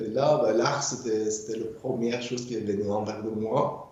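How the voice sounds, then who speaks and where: A man's voice: fairly low pitch, steady tone, normal speed, a little mellow. Hesitant older man, echoey muffled room. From Iran. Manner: hesitant, many fillers and repeated words. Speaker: guest artist. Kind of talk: interview conversation.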